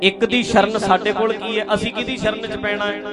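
Preacher, man, high voice, tells a story in a sermon with music behind. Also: level tone, brisk. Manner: storytelling, swings between loud and soft.

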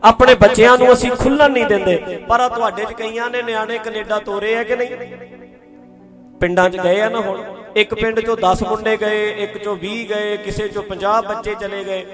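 A man's voice: high-pitched, normal speed, crowd noise. A man preaching a sermon, telling stories and acting out quotes while talking straight to his listeners. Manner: animated storyteller acting out quotes, addressing listeners directly. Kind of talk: sermon to a congregation. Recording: sermon with loud music behind. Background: clear background music.

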